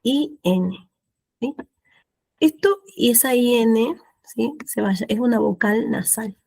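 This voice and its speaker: Slightly high, a little mellow and touched with vocal fry, this woman's voice is heard in a dry recording. Teaching adults French in Spanish with an Argentine accent, she patiently explains pronunciation, slowly repeating words and frequently checking "¿sí?".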